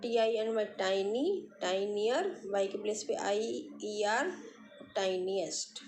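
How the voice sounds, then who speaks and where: A woman's voice: medium pitch, steady tone, darkish tone. A woman teacher giving a grammar lesson to young pupils, spelling words out letter by letter and saying the terms. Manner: slow, spells words letter by letter, repeats "ठीक है". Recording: echoey room with faint background noise.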